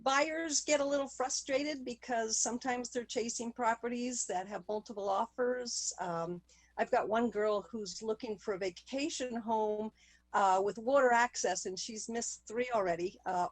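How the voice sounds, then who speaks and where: A woman's voice: a little high, normal speed, no echo. A woman speaking as a real estate agent in a casual interview over a video call.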